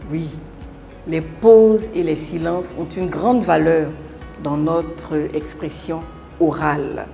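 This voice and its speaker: A woman giving a public speaking lesson in scripted narration, deliberate, with emphatic pauses and big shifts between loud and soft. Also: low-pitched, steady tone, vocal fry, faint music behind. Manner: deliberate, with emphatic pauses and wide swings in loudness.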